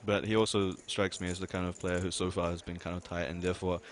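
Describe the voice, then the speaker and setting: A man's voice: low-pitched, little pitch movement, fast. A man giving expert poker commentary, hedging his points with lots of fillers and restarts. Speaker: poker analyst.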